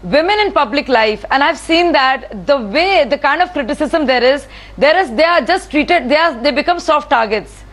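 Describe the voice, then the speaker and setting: A woman's voice: high voice, lively intonation, moderate pace, few pauses, a bit bright. A woman speaking as a panelist in a TV debate, earnest and indignant, sometimes searching for words. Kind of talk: TV debate argument.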